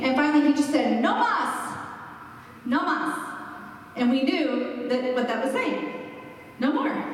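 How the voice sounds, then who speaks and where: A fairly high-voiced woman in her forties preaches in a relaxed, conversational way and tells stories with emphatic repeats. Her voice rings out through a large, echoey church hall. She is heard from some way off the mic. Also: distant mic. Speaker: pastor. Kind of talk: sermon introduction. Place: church sanctuary.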